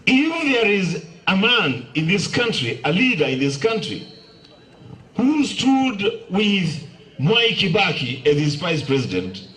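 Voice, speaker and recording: A man with a Kenyan accent giving a political speech, forceful and emphatic, stretching out words for stress. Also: sits high, big pitch swings, unhurried, low-quality recording. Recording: live speech with clear ambient noise.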